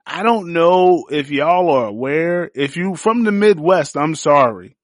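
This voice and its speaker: A man's voice: on the high side, expressive, a little slow, no echo, studio quality. A young man hosting a podcast, reviewing a series in a crude, joking, slangy riff full of profanity. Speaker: podcast host.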